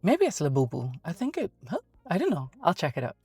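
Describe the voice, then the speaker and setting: A woman's voice: on the low side, wildly swooping pitch, a little fast, darkish tone, husky, soft background music. A woman from Barbados, chatting casually on a handheld phone camera and asking her viewers questions as she runs errands. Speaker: vlogger. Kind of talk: casual vlog chat. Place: out and about in a city, car and shops.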